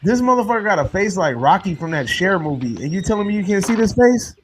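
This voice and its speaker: A man with a high, lively voice cracks profane jokes as he watches a horror film with a friend. His pitch jumps around constantly. His commentary stays loose and casual. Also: quick pace, slight background noise. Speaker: movie reaction co-host. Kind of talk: casual reaction chat.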